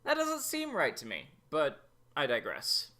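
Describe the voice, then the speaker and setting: This is a male review-show host offering commentary on an episode. He sounds bright, with plenty of pitch movement, though his delivery is unhurried and his views come out slowly and deliberately.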